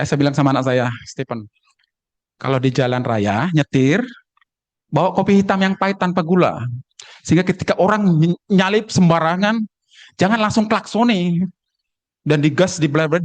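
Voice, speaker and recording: Joking Indonesian pastor preaching. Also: male voice, a little high, dry recording. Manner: humorous, acts out voices and dialects. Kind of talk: sermon with jokes.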